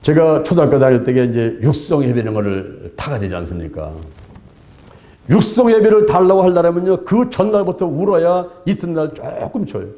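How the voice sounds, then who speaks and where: A man in his sixties preaches with a high voice that leaps up and down. He delivers his sermon emphatically and dramatically, throwing himself into the prayers he quotes as if he were saying them. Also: animated, normal speed, warm tone. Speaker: pastor.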